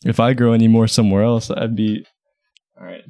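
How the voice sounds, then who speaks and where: A man's voice: on the low side, little pitch movement, a little fast, creaky, dark tone, no room sound. A young man co-hosting a casual podcast, teasing his friend with wry, self-mocking humor. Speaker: podcast co-host and editor. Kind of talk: casual chat.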